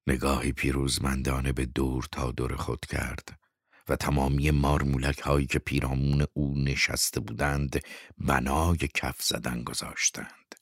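A man reading a novel aloud as narrator, steady and measured. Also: extremely low pitch, husky, no room sound, studio quality. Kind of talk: audiobook reading.

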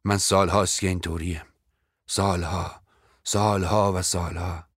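A grand, self-pitying older stage actress, put on by a man reading a story aloud. She draws out her sorrowful lines in theatrical sighs, and the voice stays deep. The sound is dry and close. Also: level tone, breathy edge, no room sound. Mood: melodramatic sorrow. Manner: theatrical, drawn-out sighing lines.

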